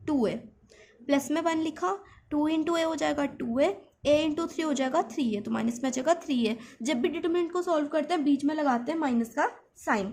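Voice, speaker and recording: A woman teaching maths step by step in English, explaining patiently and checking in with her students. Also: sits high. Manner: explains patiently, often checks in with "theek hai".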